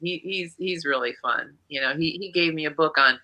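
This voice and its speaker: Casting note: woman in her sixties, very bright tone, chatty talk-show guest, laughs between stories. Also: low voice, normal speed. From eastern South Dakota. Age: 60s. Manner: chatty, laughs often, rambling asides. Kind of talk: casual chat.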